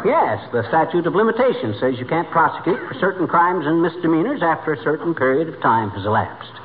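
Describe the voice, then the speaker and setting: An actor playing a boastful, blustery middle-aged husband full of wild schemes in a 1940s radio comedy. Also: male voice, on the high side, very animated, a little fast. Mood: indulgent, curious. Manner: blustery, exclaiming. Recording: tinny, noisy 1940s radio recording.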